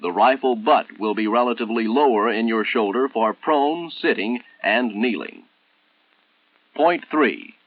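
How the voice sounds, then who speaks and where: The narrator is an American man with a mid-range, natural voice, guiding a 1960s military training film in a formal, measured, instructional manner. This old film soundtrack carries phone-quality sound and has no room sound.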